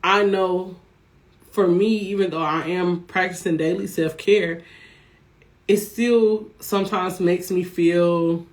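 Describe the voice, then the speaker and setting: A woman's voice: on the low side, steady tone, takes it slowly. A woman business coach talking casually from her office, chatty and encouraging, often checking in with her listeners. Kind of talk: casual motivational talk to viewers.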